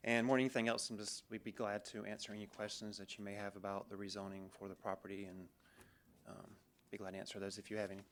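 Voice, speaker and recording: A civil engineer representing a developer and briefly addressing a board. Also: male voice, on the low side, flat delivery, slight background noise. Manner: brief and rapid.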